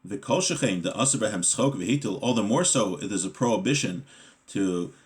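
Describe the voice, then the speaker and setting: A man with a lowish voice and lively intonation, speaking at normal speed, teaches a Torah lesson. He reads Hebrew text and explains it conversationally in English, often checking in with a short question.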